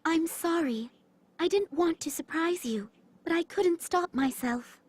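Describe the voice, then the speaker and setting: A woman's voice: very high voice, unhurried, darkish tone. A woman voicing a polite, formal fairy guide with a heavenly goddess voice in a video game. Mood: polite, calm. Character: small female tome fairy, goddess-like, formal, calm. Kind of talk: scripted game voice acting.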